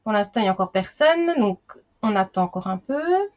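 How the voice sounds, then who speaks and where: A woman's voice: mid-range voice, expressive, fairly quick, a little mellow, highs cut off. A woman teaching a live online class for young children, chatty, greeting each child by name.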